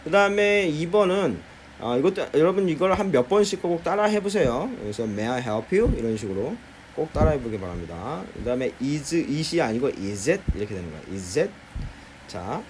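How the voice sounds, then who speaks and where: A man's voice: fairly high pitch, fairly quick, a little hiss or hum. A man teaching a middle school English lesson, explaining textbook listening in a classroom style, often starting sentences with "자". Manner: lively, repeats "자" often, explains in Korean.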